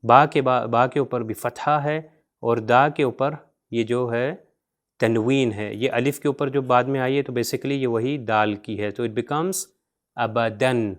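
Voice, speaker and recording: A man teaching beginners to read, spelling out letters and vowel marks slowly, repeating each word and mixing in English terms. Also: mid-range voice, fairly even intonation. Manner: mixes English words into his teaching. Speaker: Quran reading teacher. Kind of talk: spoken lesson.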